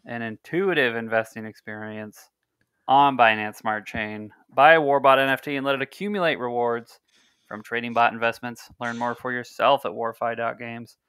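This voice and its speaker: A man in his thirties hosts a podcast over a video call from a room at home, using a headset mic. He chats loosely and rambles, reading news and sponsor copy aloud with small slips. His mid-range voice is steady in tone at normal speed, a bit bright and smooth, with no room sound.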